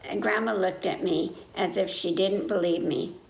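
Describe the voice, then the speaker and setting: A woman leads story time for young children, reading aloud in simple child-directed speech and putting questions to her listeners. Her voice is fairly low and creaky, with fairly even intonation at a normal speed. The room has an echo and faint background noise.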